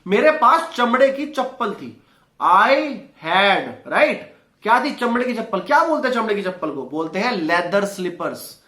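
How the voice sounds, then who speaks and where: A man teaching an English lesson in Hindi, quizzing viewers with quick rhetorical questions. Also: high voice, sing-song, sharp tone. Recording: roomy echo.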